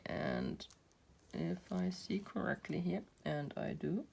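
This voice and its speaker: A woman's voice: fairly low pitch, creaky, a little mellow. A woman who hosts a craft channel, chatting casually while she works and rambling with self-deprecating laughs. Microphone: built-in camera mic.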